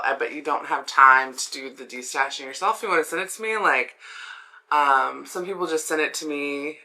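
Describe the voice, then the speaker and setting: Bright, swollen-throated woman chatting. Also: low voice. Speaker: craft video host. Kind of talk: casual chatty haul vlog.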